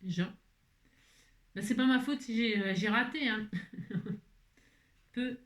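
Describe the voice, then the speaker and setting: A woman's voice: a little high, takes it slowly. A woman vlogging while making a card, chatting casually, muttering to herself as she works and laughing often at her own slips. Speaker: craft vlogger. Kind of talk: casual chat while crafting.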